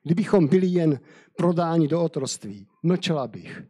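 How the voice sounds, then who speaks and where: A pleading ancient queen, read by a man in his own low, husky voice. The words are read from a scripture story with little change of voice. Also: animated, mellow. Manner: read aloud with light emphasis.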